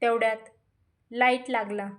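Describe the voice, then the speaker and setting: A woman narrating a dramatic story in a steady, measured reading voice. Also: on the high side.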